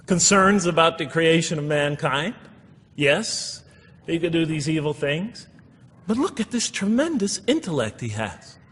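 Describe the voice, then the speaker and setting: With a high-pitched, breathy-edged voice, a male religious lecturer explains scripture to the public in a large hall. He is emphatic and repeats phrases for stress, and the room echoes with long reverb.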